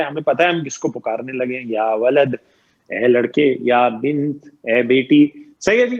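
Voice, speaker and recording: A man's voice: on the high side, dull audio. A man teaching grammar in an online lecture, explaining patiently, quizzing his students and repeating each point.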